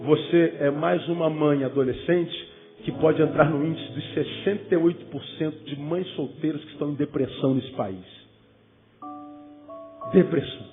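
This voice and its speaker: A man with a slightly high voice preaches to young people as their pastor, speaking at a moderate pace. He is emphatic, throwing in rhetorical questions and joking asides. The recording sounds phone-like, with loud music.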